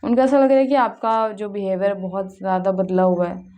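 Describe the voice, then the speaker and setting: The audio is dull, and her mid-range voice is flat and fairly quick. A young tarot reader, she chats casually with her viewers, blends in English words and keeps asking "okay?"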